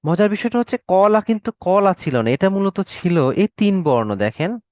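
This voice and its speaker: A man's voice: high-pitched, sing-song, moderate pace, darkish tone, no echo, highs cut off. A Bangladeshi man teaching an online Arabic class, explaining patiently and often checking with his students. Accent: Bangladeshi Bengali. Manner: explains patiently, repeats words and checks in with "okay?".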